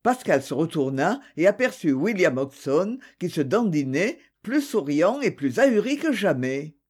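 A man narrating a novel as an audiobook in an expressive storytelling manner. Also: a little high, measured pace, breathy edge.

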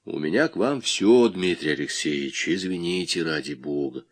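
A man voicing a huge, grim, hunched older man who speaks curtly, slowly and low, in an audiobook. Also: lively intonation.

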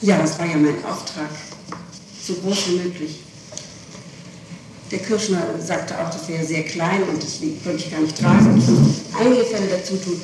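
Far from the microphone in an echoing room, a middle-aged woman under interrogation by a prosecutor keeps explaining herself insistently, repeating her points. Her voice sits on the low side at normal speed, and the old archival tape is noisy, distant and echoey.

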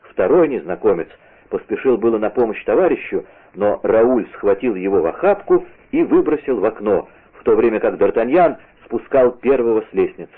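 A man's voice: lowish voice, lively intonation, moderate pace, slightly rough. Male narrator on tinny radio. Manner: vivid, theatrical storytelling. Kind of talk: dramatic reading of an adventure novel.

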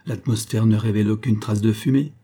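A man voicing a kindly middle-aged father in an adventure audiobook, speaking softly and asking questions. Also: fairly low pitch, steady tone, brisk, slightly rough. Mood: gentle.

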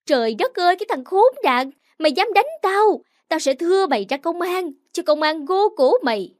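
A woman doing a loud, quarrelsome older village woman in a storybook, scolding coarsely in a high, shrill voice. The recording is close and dry, with no room sound. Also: expressive, moderate pace, dry recording. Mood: shrieking.

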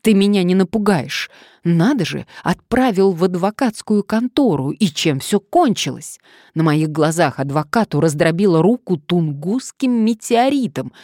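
Brief: a loud, scornful young woman, voiced by the narrator, snapping back in anger. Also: low-pitched, dry recording, clean studio sound. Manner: fiery, scornful retorts. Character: furious sharp-tongued young woman. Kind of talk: audiobook character reading.

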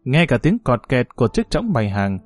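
A man's voice: mid-range voice, normal speed, no room sound, soft background music. A man narrating a novel as an audiobook, telling it expressively. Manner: expressive storytelling.

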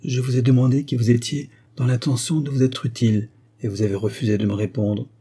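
A man's voice: medium pitch, fairly even intonation, fairly quick, mellow, slightly rough, pitched above the performer's own voice. A man voicing a stern, wealthy American father who questions in a commanding manner. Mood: stern questioning.

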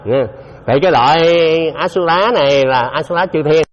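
A fairly high-voiced man gives a chatty Buddhist dharma talk and keeps quizzing his listeners. The recording is dull and lo-fi, and his voice rings with the long reverb of a large hall. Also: normal speed. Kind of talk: dharma talk to a live audience.

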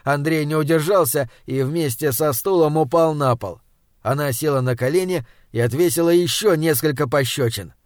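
A man's voice: fairly high pitch, moderate pace, dry recording, clean studio sound. A man reading an audiobook aloud in scripted narration, storytelling evenly and acting out the dialogue. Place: home recording setup.

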